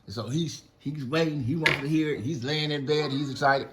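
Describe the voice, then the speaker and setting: A man casually retelling a Bible story to his children, lively and slangy, acting out the dialogue. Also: fairly high pitch, a little fast, background noise. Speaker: father telling a Bible story.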